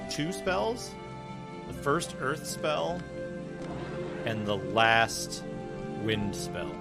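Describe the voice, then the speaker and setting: A man doing casual live commentary as a game streamer, chatty and jokey, thinking out loud. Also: on the low side. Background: loud game music.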